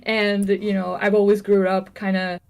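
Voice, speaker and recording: A woman's voice: medium pitch, level tone, moderate pace, a little mellow. A woman in her thirties from Venezuela, a game developer chatting casually on a livestream, laughing often and joking about herself.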